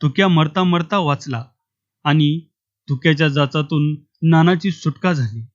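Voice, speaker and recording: A man narrates a village short story in a steady, measured reading voice that sits somewhat high. The recording is dry, with no room sound, and slightly dull in tone. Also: no room sound.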